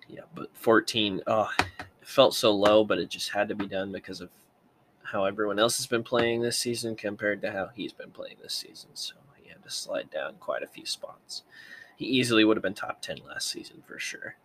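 A man's voice: fairly low pitch, moderate pace, fairly bright tone, a little hiss or hum. A young man hosting a sports video, commenting casually and thinking aloud, often correcting himself as he goes.

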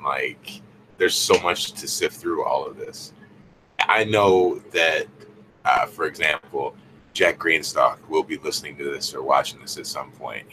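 A man with an extremely deep voice talks casually and thoughtfully on a livestream panel. Clear noise runs through the recording. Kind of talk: casual reflective chat. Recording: clearly noisy livestream audio.

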